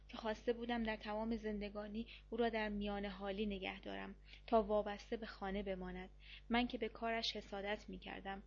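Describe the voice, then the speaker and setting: A woman reading the lines of a middle-aged husband who is cold and defensive in a quarrel, in a measured, firm way. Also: medium pitch, muffled recording, close to an everyday voice.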